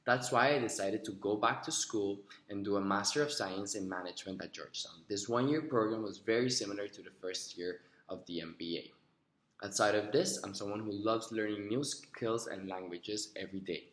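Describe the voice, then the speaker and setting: A man's voice: on the low side, moderate pace, a bit bright, reverberant. A young man from Rica, giving earnest, rehearsed answers in a recorded video interview, with a few fillers. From Costa Rica. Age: young adult. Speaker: job applicant. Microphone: recorded himself on video.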